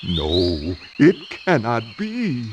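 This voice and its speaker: An actor voicing a good, fatherly guardian mask spirit in a video game, solemn and theatrical with drawn-out warnings. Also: mid-range voice, wildly swooping pitch, slight background noise, full character voice. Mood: grave alarm. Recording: loud music under the voice.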